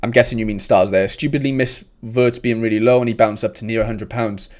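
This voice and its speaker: With a lowish, steady voice and a fairly quick delivery, a young South Welsh man hosts a casual livestream in his South Welsh accent. He chats in a laid-back way, often using "mate."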